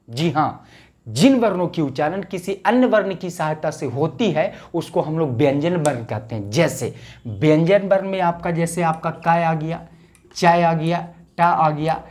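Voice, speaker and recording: A male teacher giving a grammar lesson, repeating each definition and slowly drawing out the vowel sounds as he recites them. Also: a little high.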